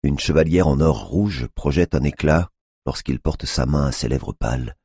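A man narrates a novel in a steady, even reading voice. His voice sits extremely low and has a husky grain. The sound is dry and close, with no room around it. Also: moderate pace, no echo. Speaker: audiobook narrator. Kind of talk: scripted narration.

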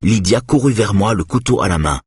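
A man narrating a tense first-person story in a measured way. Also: lowish voice, animated, a little mellow, husky, dry recording, clean studio sound.

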